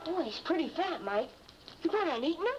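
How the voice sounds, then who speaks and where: An actor playing an earnest, slangy American schoolboy who leads a kids' gang in a 1950s TV detective drama. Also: male voice, very high-pitched, sing-song, fairly quick, faint music behind. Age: child or young teen. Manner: earnest, slangy, polite boyish. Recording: muffled vintage TV soundtrack, faint noise.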